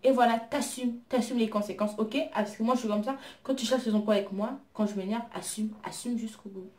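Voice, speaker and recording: Casual storyteller woman, higher voice, animated and indignant, roomy echo. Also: brisk. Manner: lively, indignant retelling of her own exchanges.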